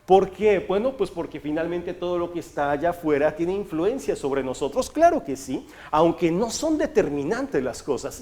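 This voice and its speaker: A man giving a motivational talk as a coach, telling stories and asking rhetorical questions. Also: sits high. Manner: storytelling, rhetorical questions, animated sound effects.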